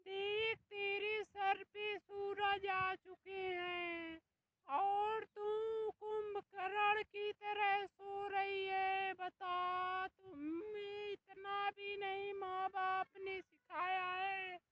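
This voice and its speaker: A performer voicing a scolding, nagging older mother-in-law with a Bhojpuri-tinged accent in a comic skit, wailing and drawn-out. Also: very high-pitched, level tone, a bit bright, slight background noise, full character voice. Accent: Bhojpuri-tinged Hindi.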